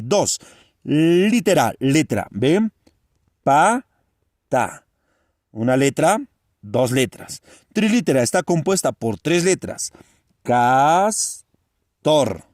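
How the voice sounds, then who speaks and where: A man teaching a grammar class in a lively voice that climbs and falls. He keeps checking with his students and stretches out the important terms. The sound is dry and close. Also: fairly high pitch, dry recording. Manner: animated, asks students frequent questions. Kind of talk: grammar lesson.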